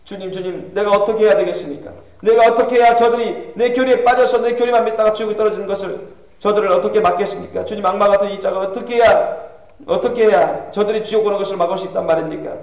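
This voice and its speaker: A man's voice: high-pitched, quick pace, darkish tone. A preacher voicing a tormented damned man in hell who pleads for forgiveness and blames himself, recorded with a distant mic in an echoey church hall. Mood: desperate prayer. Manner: pleading, self-reproaching.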